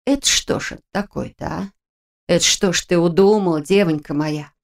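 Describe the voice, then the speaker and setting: A woman voicing a fussy elderly female cook who scolds with care, in a lower, hushed, hoarse and folksy voice. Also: brisk. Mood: worried scolding.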